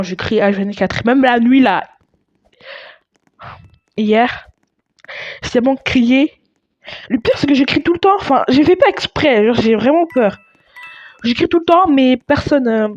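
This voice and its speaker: A young woman chatting casually over her gameplay. She stammers often and breaks into excitable outbursts. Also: a little high, no echo, dull audio. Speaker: gaming video creator.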